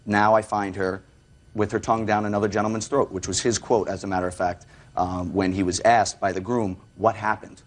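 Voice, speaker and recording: A man's voice: lowish voice, flat delivery, brisk. A man testifying as a litigant in a TV courtroom, indignant and self-justifying, with stiffly formal wording and hesitations.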